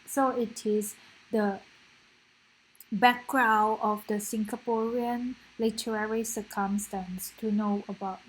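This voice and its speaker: A woman's voice: mid-range voice, low-quality recording. Woman lecturer over faint background noise. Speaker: lecturer hosting student presentations. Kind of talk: informal spoken commentary.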